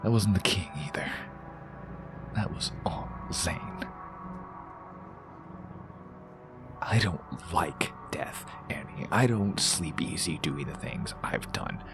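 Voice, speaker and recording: This audio-drama actor plays a menacing, persuasive rebel killer who is brooding and wounded, his intensity often falling almost to a whisper. Here the mood is pleading and earnest. He speaks over music in a low male voice, with lively intonation at a measured pace.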